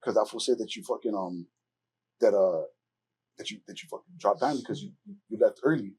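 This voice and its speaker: A man hosting a podcast, telling a story in animated casual chat full of swearing and acted-out quotes. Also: lowish voice, a little fast, slightly rough. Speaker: podcast host.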